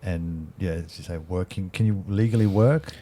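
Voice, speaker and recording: A man, an interviewer asking gentle, probing questions and giving frequent affirmations. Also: low voice, normal speed. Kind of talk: casual interview.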